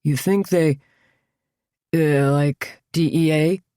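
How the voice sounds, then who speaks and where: A woman narrator plays a dim, scruffy male lowlife, drawling and slow-witted in a low voice. Recorded dry and close like an audiobook. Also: dark tone, no echo.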